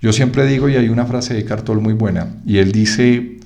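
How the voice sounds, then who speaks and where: Low gravelly Colombian man lecturing. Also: moderate pace. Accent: Colombian Spanish. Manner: lively teaching, frequent "¿sí?" checks, acts out students' objections. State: one ear feels blocked. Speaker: acupuncture teacher. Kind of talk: online lecture.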